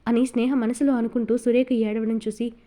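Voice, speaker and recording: A woman narrating a Telugu audio novel in an even storytelling manner. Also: fairly high pitch, a little fast.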